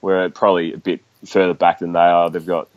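A man's voice: deep voice, flat delivery, fairly quick, no room sound. An Australian man talking casually as a guest in a sports discussion, on slightly dull, lo-fi audio.

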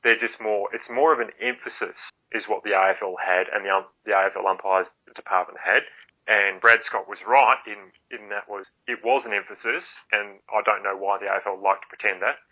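A man with an Australian accent talks sport as a panellist in a low voice, feeling his way through long explanations. He sounds like he is on a thin phone line. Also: steady tone, fairly quick. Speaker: podcast panellist. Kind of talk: sports discussion.

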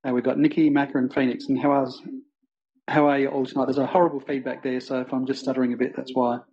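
A man's voice: medium pitch, flat delivery, fast talker, a little mellow, breathy edge, muffled recording. A man with an Australian accent hosting a casual fan podcast, rambling with plenty of ums and uhs. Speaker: podcast host.

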